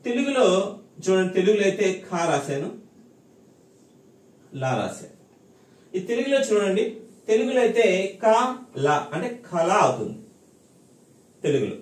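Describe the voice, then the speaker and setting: A man's voice: high-pitched, big pitch swings, moderate pace, long pauses, a little mellow. A male language teacher giving a recorded lesson, explaining patiently and repeating points, often checking that his students follow. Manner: patient, repetitive explaining with frequent check-ins. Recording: echoey room, mic at a distance.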